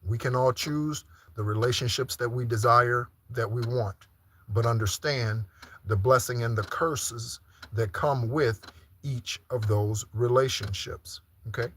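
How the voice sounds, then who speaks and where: A man's voice: medium pitch, measured pace, fairly bright tone, slightly rough. A man preaching an informal live-streamed sermon, teaching through repeated rhetorical questions and frequent check-ins. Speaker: preacher leading an online Sunday service.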